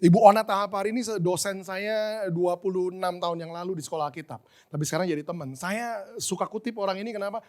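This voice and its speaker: Brief: male preacher in his 40s, high-pitched, emphatic and rhetorical, drops in English. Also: steady tone, fast, darkish tone. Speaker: guest preacher. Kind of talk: sermon.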